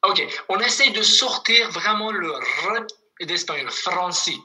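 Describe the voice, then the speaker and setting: A language teacher giving an online lesson over a video call, patiently repeating words slowly for students. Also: medium pitch, bright, forceful tone, low-quality recording.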